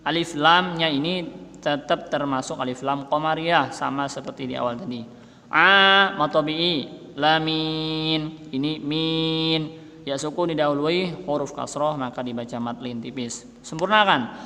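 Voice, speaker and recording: A man teaching Quran recitation rules, explaining patiently and chanting the verses slowly and melodically. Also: on the high side, bright, forceful tone, long reverb tail. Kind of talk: tajwid lesson with chanted recitation.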